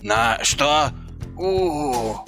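A man's voice: fairly high pitch, lively intonation, drawn-out words, music in the background. A man voicing a city watchman who is freezing, stammering and shivering with cold. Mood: urgent.

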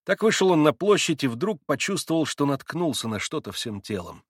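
A man narrating an audiobook of a classic novel, measured and expressive, on a close studio mic. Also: a little high, husky, dry recording.

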